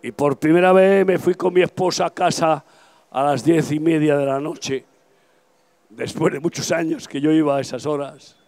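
A man in his seventies with a Spanish accent from Spain, preaching an impassioned open-air evangelistic sermon that swings between soft confiding and shouting. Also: a little high, fairly even intonation, moderate pace. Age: 70s. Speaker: pastor. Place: outdoors at a campaign event.

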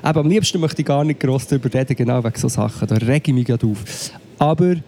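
Over a remote call, a coughing, sick man with a Swiss German accent chats casually as a podcast co-host from home, griping about the connection. His voice is medium-pitched and warm, and he talks at a quick pace.

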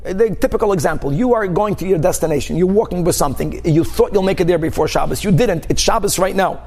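A man's voice: high voice, fast talker, a little mellow. A man, a rabbi, teaching a religious text class, reading aloud and explaining with examples and rhetorical questions in an informal way.

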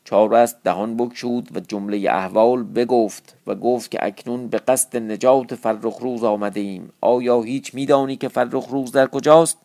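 A man's voice: mid-range voice, fairly even intonation, few pauses, warm tone. A man reading a classical storybook tale aloud, stopping to explain old terms in plain speech.

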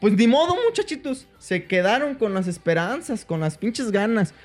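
A man's voice: high voice, big pitch swings, moderate pace, soft background music. A young Mexican man hosting a casual comedy podcast, talking in crude, teasing slang. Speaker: podcast host. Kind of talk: casual comedic banter with improvised rapping.

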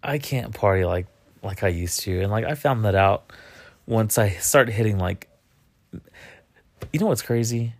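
A man's voice: fairly low pitch, measured pace, pauses often. A man in his mid-thirties co-hosting a casual podcast chat with his wife, laid-back and rambling, poking fun at himself. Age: 30s. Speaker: podcast co-host.

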